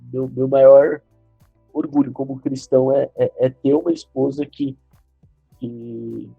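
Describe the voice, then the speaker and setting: A man with a Brazilian Portuguese accent, a podcast guest speaking in a measured, reflective way. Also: medium pitch, gravelly, husky, no room sound. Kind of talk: casual podcast chat. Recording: dull lo-fi sound.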